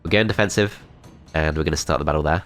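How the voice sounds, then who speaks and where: A man with a very low voice and a stuffy nose from a cold gives calm strategy game let's play commentary, sounding nasal and congested. He thinks aloud methodically but speaks fast. Faint music can be heard in the background.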